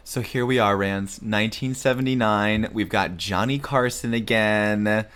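A man's voice: on the low side, a little slow, music in the background. A man co-hosting a podcast in casual conversation. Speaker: podcast co-host. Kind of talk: casual chat.

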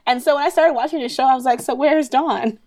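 A woman's voice: sits high, fast talker, darkish tone. A woman in her twenties co-hosting a casual chat podcast, bubbly, laughing often and acting out quotes. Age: 20s. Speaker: podcast co-host.

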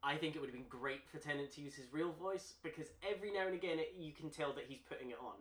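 A man's voice: a little high, fast, fairly bright tone. A man chatting casually as a podcast co-host, laughing often and enthusiastic. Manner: chatty, laughs often, puts on voices in jokes. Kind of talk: casual chat. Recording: echoey room.

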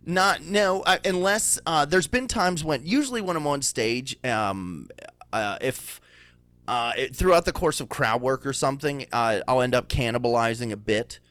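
A man's voice: medium pitch, expressive, moderate pace, a bit bright, no echo. Joking man with a Baltimore accent. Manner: jokey, swearing, puts on silly voices in bits. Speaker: stand-up comedian guest. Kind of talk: casual podcast chat.

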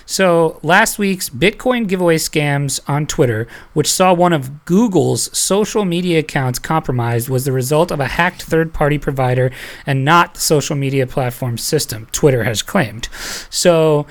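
A podcast host chats loosely with the panel, rambling between stories and laughing often. The voice sits at a middling pitch. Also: moderate pace. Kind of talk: casual panel chat.

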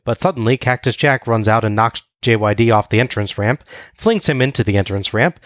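A man narrates a wrestling recap for a podcast, his delivery dry and wry. His voice sits at an ordinary middle pitch, recorded close on a mic in a dead, dry space. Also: no room sound.

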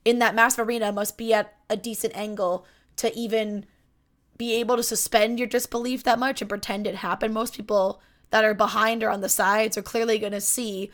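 A woman's voice: mid-range voice, level tone, a little fast. A woman co-hosting a podcast, chatting casually and animatedly about a wrestling match, full of fillers and asides. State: yawning and hiccuping. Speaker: podcast co-host.

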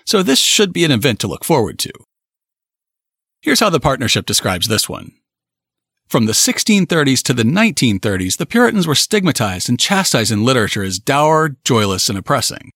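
A man hosting a history podcast, reading announcements and then interviewing a guest in a measured way. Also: mid-range voice, very animated, a bit bright, dry recording, clean studio sound. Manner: measured, reads announcements then asks questions. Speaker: podcast host. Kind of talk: scripted podcast intro and interview.

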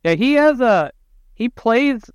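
A man's voice: very high voice, takes it slowly, clean tone, no room sound, clean studio sound. A man hosting a podcast, chatting casually in slang and swearing, acting out quotes as he tells stories. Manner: animated, slangy, sweary retelling with acted-out quotes. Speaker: podcast host. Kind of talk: casual chat and storytelling.

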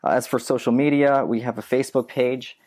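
A man's voice: medium pitch, steady tone, brisk, darkish tone. A man talking as a podcast guest in a casual, rambling way, with many restarts and fillers. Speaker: guest, YouTube creator.

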